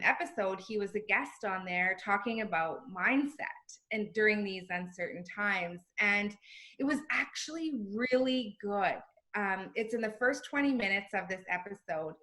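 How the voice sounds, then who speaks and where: Bright-voiced woman telling a casual story. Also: medium pitch. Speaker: co-host.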